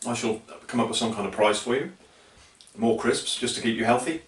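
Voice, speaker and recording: Man hosting quick, jokey banter. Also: medium pitch. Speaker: host. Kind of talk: casual chat. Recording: roomy, from a distance.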